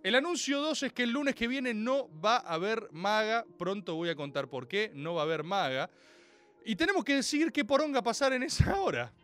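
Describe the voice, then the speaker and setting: A male radio host with a Rioplatense accent, delivering a theatrical and sarcastic monologue. His voice sits high and bright and swings widely in pitch. Faint music plays behind him. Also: sing-song, normal speed. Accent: Rioplatense Spanish. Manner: theatrical mock-indignant ranting, sarcastic. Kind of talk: radio talk show monologue.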